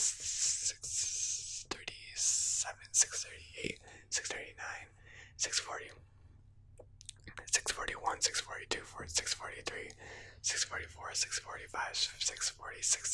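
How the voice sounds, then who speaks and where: Young man counting under his breath, sharp whisper. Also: poor audio. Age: young adult. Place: living room at home, indoors.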